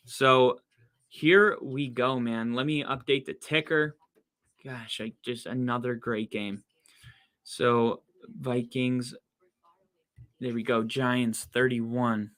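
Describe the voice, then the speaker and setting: A young man talks through a football game for his podcast audience in a bright, forceful voice. He is casual and chatty and gets excited and incredulous at the plays. His voice is a little worn from talking so long. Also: mid-range voice, takes it slowly, pauses often. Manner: chatty, excitable, rising to loud disbelief at plays. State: losing his voice. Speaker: podcast host doing live game watch-along commentary. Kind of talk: casual play-by-play chat.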